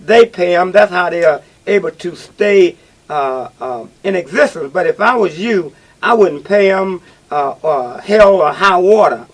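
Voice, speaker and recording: A man hosting a talk radio call-in show, speaking in a halting, repetitive and emphatic way. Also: sits high, expressive, low-quality recording.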